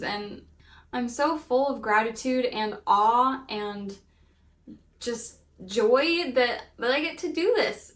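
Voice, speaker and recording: A woman in her thirties telling the story of her baby's birth in a casual, gushing way, laughing often. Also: a little high. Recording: echoey room, mic at a distance.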